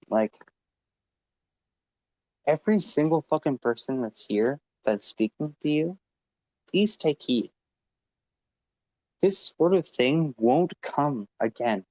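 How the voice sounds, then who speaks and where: A man speaking slowly and with heavy emphasis, profane and rambling as he urges listeners on. The sound is dry, with no room echo. He is a guest on a live online audio panel. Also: mid-range voice, expressive, a little mellow.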